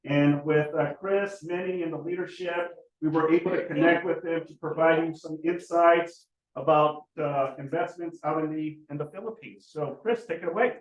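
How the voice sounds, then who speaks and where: High-voiced guy running a team meeting, jokey and upbeat, roomy far-off dull audio. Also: fairly even intonation, moderate pace. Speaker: meeting emcee. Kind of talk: casual meeting hosting. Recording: roomy, distant, dull sound.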